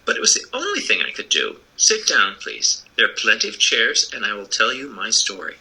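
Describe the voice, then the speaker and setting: A man's voice: lowish voice, huge pitch swings, normal speed, sharp tone, husky, full character voice, rough recording. A man voicing the Wizard of Oz as a kindly, apologetic old humbug, earnestly explaining himself in a storybook reading. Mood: sorrowful, confiding. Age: older.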